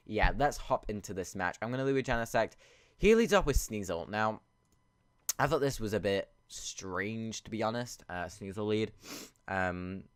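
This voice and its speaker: A man with a low voice talks through a game in a casual, rambling way, thinking aloud as he goes. He sounds sniffly and congested from a cold. The recording is very dry, with little room sound. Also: no echo. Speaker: video game battle commentator. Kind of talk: casual gameplay commentary.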